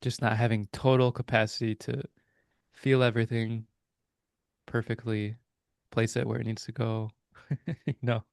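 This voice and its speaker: A man's voice: medium pitch, little pitch movement, moderate pace, gravelly, long pauses, smooth, dry recording, clean studio sound. A man co-hosting a reflective spiritual podcast, musing aloud and searching for his words with many hesitations. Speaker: podcast co-host. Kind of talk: casual reflective conversation.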